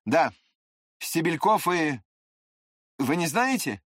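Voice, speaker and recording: A reader voicing a feverish, muddled nobleman in an audiobook, speaking in halting, rambling phrases. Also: a little high, big pitch swings, a bit bright, no echo, studio quality, exaggerated voice.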